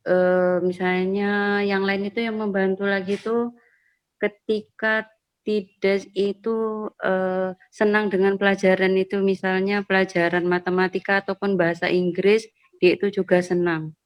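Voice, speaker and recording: A woman's voice: medium pitch, level tone, measured pace, clean tone, no echo. A woman parent talking casually on a video call, hesitant with many fillers and polite toward the host. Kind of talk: casual online discussion.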